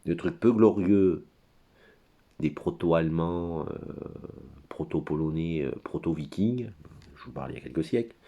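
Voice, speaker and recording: Sitting by himself at his computer, a very low-voiced commentator delivers a crude, meandering monologue at a moderate pace. His tone is warm, yet he keeps hesitating, tripping on fillers and wandering off on tangents.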